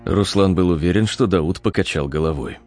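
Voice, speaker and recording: A man narrating an audiobook with a measured, expressive reading. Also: low-pitched, faint music behind. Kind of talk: scripted narration.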